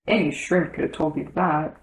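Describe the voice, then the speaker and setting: Woman putting on the gruff, bossy Gryphon, roomy echo. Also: normal speed. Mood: impatient. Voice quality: deep voice. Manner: solemn, impatient. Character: gruff, impatient, bossy male Gryphon creature. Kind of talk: storybook character reading.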